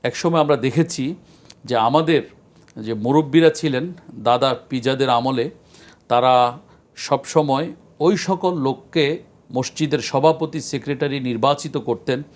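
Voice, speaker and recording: A man, a scholar guest on a religious talk show, speaking in an earnest, measured lecturing way with frequent pauses. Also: medium pitch. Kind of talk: studio discussion on a religious show.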